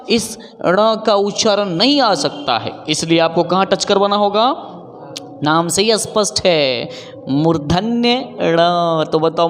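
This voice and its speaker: A man with a high voice teaches pronunciation like a classroom drill. He poses a question, answers it himself and says each word again and again, firmly calling out wrong sounds. His voice rings with a long reverb, as in a large hall. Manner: drills by asking and answering his own questions, repeating words; emphatic, scolding wrong pronunciations. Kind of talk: classroom-style lesson.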